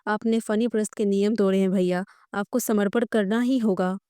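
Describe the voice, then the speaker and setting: A woman's voice: mid-range voice, fairly even intonation, normal speed, mellow, clean tone, dry recording, clean studio sound, close to an everyday voice. A woman voicing a proud young male snake guardian in human form who is brash and easily offended.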